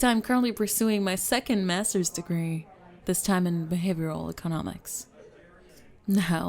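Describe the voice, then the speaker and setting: A driven, formal businesswoman, acted by a woman in an ASMR speed-dating role-play. Her voice sits a little low for a woman. She is brisk and to the point, quizzing her date like a job candidate. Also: darkish tone, close to an everyday voice.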